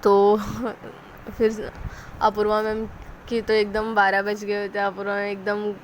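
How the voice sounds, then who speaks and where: Chatty woman narrating in a flat, even tone. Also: mid-range voice, unhurried, a little hiss or hum. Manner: chatty, narrates with quoted dialogue and fillers. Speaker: storyteller. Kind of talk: casual spoken retelling of a love story.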